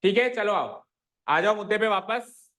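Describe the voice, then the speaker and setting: A man's voice: high-pitched, animated, measured pace, fairly bright tone. Male teacher, classroom lesson, quizzes students, drills repetition, mixes in English terms. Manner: quizzes students, makes them repeat answers. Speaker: math teacher.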